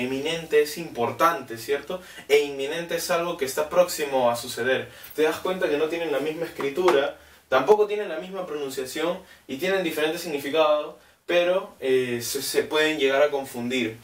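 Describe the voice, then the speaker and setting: A man's voice: mid-range voice, distant mic. A man giving a recorded class lesson, explaining step by step with many fillers and frequent checks with his students. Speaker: teacher. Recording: roomy, away from the mic.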